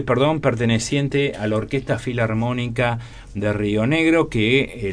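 An Argentine man hosts a radio interview. His voice sits at an ordinary middle pitch, and he speaks in a chatty, enthusiastic way, clearly keen on what he is announcing. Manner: chatty, enthusiastic, warmly promoting. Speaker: radio host.

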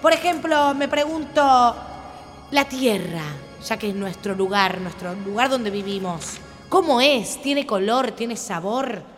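A woman's voice: a little high, measured pace, big-room sound, soft background music. A woman with an Argentine accent co-hosting a children's radio show in playful, theatrical banter, drawing out her words.

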